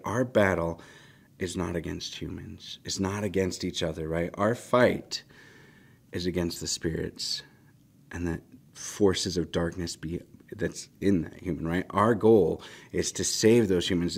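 A man's voice: low voice, vocal fry. A man in his thirties giving an earnest devotional Bible teaching at a desk mic in a small studio, often checking in with "right?". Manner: earnest, emphatic, frequent "right?" asides. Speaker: pastor. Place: small church studio, indoors. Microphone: desk mic on a stand.

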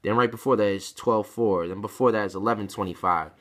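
Speaking fairly quickly in a lowish voice, this twenty-something man raps and vlogs, chatting casually at the camera. He rambles in an emphatic, slangy street style. The setting is a bookshelf-lined room at home, and the sound comes from a laptop webcam mic held at arm's length.

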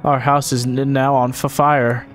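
A man's voice: medium pitch, level tone, soft background music, close to an everyday voice. A man voicing a frightened little girl from a game, stammering over her words. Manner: stammering, halting. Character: scared stuttering little girl.

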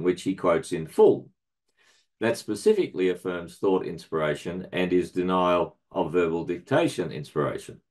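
A middle-aged man reading a prepared academic paper aloud in a measured, formal way, marking each citation with quote and end quote. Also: deep voice, a little mellow. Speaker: research centre director presenting a paper.

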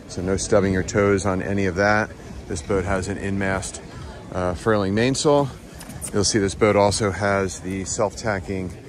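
Here a man with a deep voice, a middle-aged yacht broker, walks through a sailboat at a dockside boat show, outdoors and down in the cabin. He's casual and enthusiastic, leaning on lots of fillers. The background is noisy, and the clip was shot on a handheld phone.

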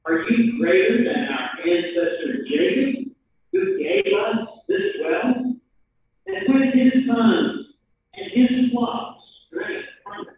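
A middle-aged man, a priest, reading the gospel and preaching in a measured, deliberate way from a lectern in a church sanctuary. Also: extremely high pitch, very animated, a little hiss or hum. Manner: measured, deliberate delivery from a pulpit. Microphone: stand mic, camera from across the room. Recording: echoey church from far off.

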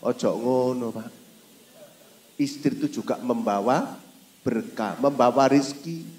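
A middle-aged man with an East Javanese accent preaching a sermon, telling stories animatedly with sudden loud exclamations. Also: medium pitch, a little slow. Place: mosque hall. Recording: roomy hall reverb.

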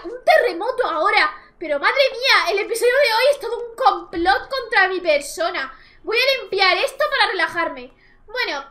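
A woman's voice: extremely high pitch, bright, forceful tone. A woman from Spain giving casual let's-play commentary, dramatically exasperated and swinging between laughter and mock despair. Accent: Spain Spanish. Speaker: gaming youtuber.

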